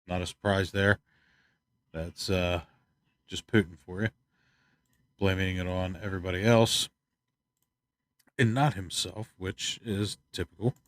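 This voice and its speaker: A man from the United States giving rambling, opinionated news commentary, tired and stuffed up, clearing his throat often. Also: low-pitched, steady tone, measured pace, pauses often, no room sound, clean studio sound. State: congested, stuffed up. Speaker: channel host. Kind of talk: casual news commentary vlog.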